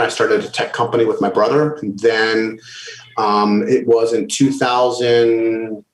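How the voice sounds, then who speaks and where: A middle-aged man from Maryland, a state lawmaker guest, telling his story in a casual interview and acting out remarks he quotes. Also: lowish voice. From Maryland, USA. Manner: animated, acts out quoted remarks in livelier voice. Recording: roomy echo.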